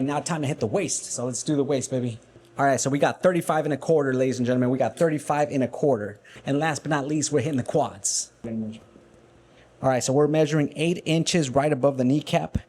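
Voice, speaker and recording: A man's voice: medium pitch, dark tone, slight background noise. A man in his forties vlogging casually to camera in a gym, hyping himself up and joking at his own expense. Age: 40s. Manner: upbeat, self-mocking hype talk. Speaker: fitness vlogger. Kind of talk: casual vlog talk to camera.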